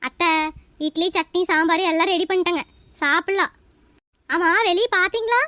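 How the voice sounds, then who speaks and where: A cheeky, chatty young daughter-in-law, played by a woman, her voice very high and quick to talk back. The recording is dry and close to the mic, in a homemade family comedy skit. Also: no echo. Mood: eager. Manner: lively, cheeky.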